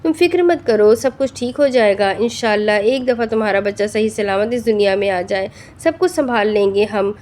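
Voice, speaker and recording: A woman voicing a gentle, protective older brother who soothes and reassures his sister. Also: medium pitch, hardly any pauses, natural voice. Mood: soothing.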